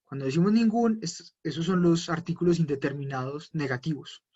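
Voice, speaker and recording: A man's voice: a little high, lively intonation, brisk, warm tone, muffled recording. A man teaching German in a live online class, explaining patiently and answering viewers' questions. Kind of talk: live online language lesson.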